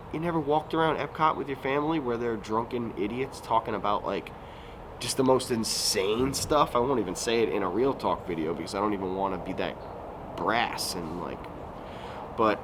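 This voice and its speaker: A YouTuber in his thirties speaks in a medium-pitched, fairly bright voice during a casual, rambling vlog, often using fillers and correcting himself. He's recording outdoors at a resort recreation area, where passing vehicles add noise.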